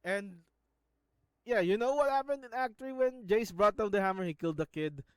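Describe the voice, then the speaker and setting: A YouTuber from the Philippines analyzes scenes from a show in a casual video, speaking with a Filipino accent and often stopping to restart words. His voice sits high and moves at normal speed, with a clean tone and no echo.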